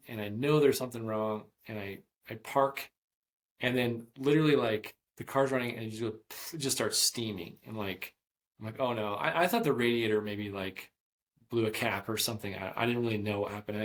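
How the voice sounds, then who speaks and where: A man in his thirties, a podcast guest, telling a long travel story in a chatty, rambling way with many fillers and restarts. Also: medium pitch. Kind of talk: casual storytelling interview.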